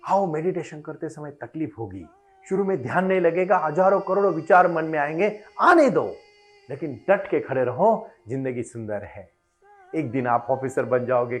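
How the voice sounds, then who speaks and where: A man giving an emphatic devotional motivational address, building into fervent exhortation. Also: on the high side. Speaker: motivational spiritual speaker.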